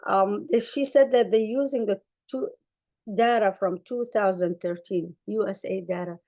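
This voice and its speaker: With a warm, medium-pitched voice at normal speed and fairly even intonation, a Somali woman presents as a clinician at a conference using slides. She is a native Arabic speaker whose earnest, emphatic style repeats phrases for emphasis.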